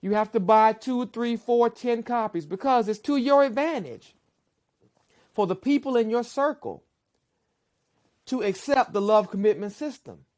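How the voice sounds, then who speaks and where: A woman giving measured, persuasive relationship advice in a documentary interview. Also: fairly high pitch, expressive, a little mellow. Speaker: relationship speaker.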